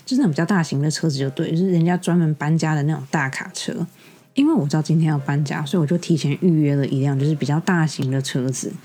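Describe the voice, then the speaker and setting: A woman's voice: low voice, fast talker. Exasperated young woman with Taiwanese Mandarin accent. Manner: exasperated, animated retelling with quoted dialogue. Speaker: podcast host. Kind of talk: casual storytelling monologue. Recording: soft music bed behind. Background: faint background music.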